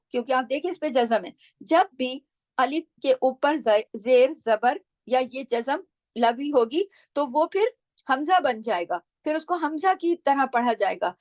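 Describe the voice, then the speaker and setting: A woman teaching Quran recitation rules, patiently explaining and slowly repeating syllables to model each sound. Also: high-pitched, no room sound. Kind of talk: tajweed lesson, explaining pronunciation.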